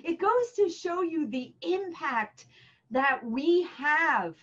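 A woman's voice: very high voice, expressive, slow, a bit bright, muffled recording. A woman interviewing a guest, gushing with praise and encouragement. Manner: effusive, encouraging, repeats praise. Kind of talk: warm interview chat.

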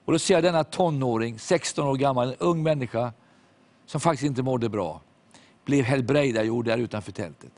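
A man preaching a sermon, telling a story with animated quoted voices and sudden hushed moments. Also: mid-range voice, dry recording. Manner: drops to hushed tones at reflective moments.

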